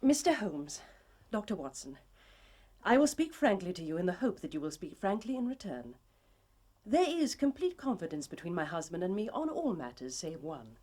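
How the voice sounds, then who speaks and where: A woman's voice: on the low side, big pitch swings, normal speed, darkish tone. An actress playing a proud, anxious young aristocratic English lady in a period drama, formal and emphatic in her upper-class accent. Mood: urgent, pleading. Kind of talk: British period drama acting.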